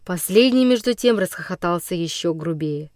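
A woman narrating a classic children's story as an audiobook, in a measured, dramatic storytelling manner. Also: lowish voice, lively intonation, a little mellow, dry recording, clean studio sound.

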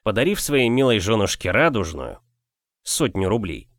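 A man's voice: on the low side, sing-song, normal speed, no echo, studio quality. A man narrating a first-person audiobook with a wry storytelling manner.

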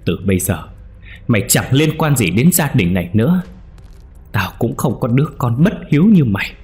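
A man's voice: mid-range voice, big pitch swings, moderate pace, a little mellow, faint music behind, voice pushed up, natural voice. A man voicing an angry elder brother who curses harshly. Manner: harsh cursing.

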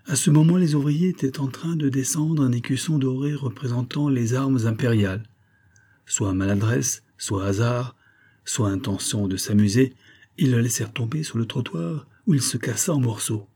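A man narrating a classic novel as an audiobook in a measured, even storytelling manner. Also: mid-range voice, breathy edge.

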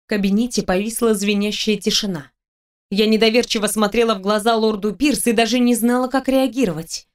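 A woman narrating a first-person audiobook, lively and animated when speaking the heroine's lines. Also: medium pitch, brisk.

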